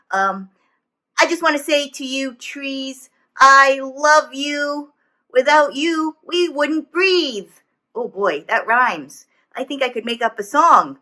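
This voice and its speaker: A woman voicing a goofy, excitable puppet who hosts a children's storytime in a rambling, chatty way. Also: a little high. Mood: excited, goofy. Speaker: children's show host.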